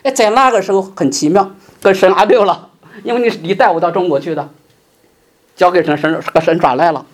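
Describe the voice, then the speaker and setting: A middle-aged male pastor preaching a sermon, swinging between loud emphasis and soft, hushed asides. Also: high-pitched, a little fast.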